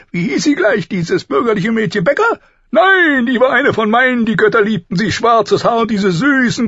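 A man voicing a loud, jovial, bawdy middle-aged king in an audiobook, hearty and laughing. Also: very high voice, no echo, lo-fi sound, voice pushed up, exaggerated voice. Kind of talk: audiobook character voice.

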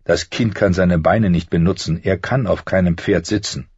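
A man voicing a gentle, learned older adviser who explains things mildly. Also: low voice, moderate pace, breathy edge, no room sound, heavily acted. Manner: mild and explanatory. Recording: slightly dull audio.

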